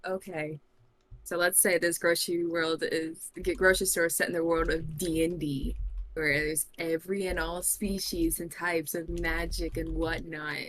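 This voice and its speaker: A woman's voice: fairly low pitch, level tone, normal speed, a bit bright. A woman on a podcast, telling a made-up tabletop fantasy story in casual talk and often giggling. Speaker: podcast co-host.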